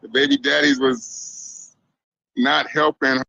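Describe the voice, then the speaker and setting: A man from Israel, a guest on a live dating interview, giving short, flat answers. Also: a little high, takes it slowly, creaky, dull audio.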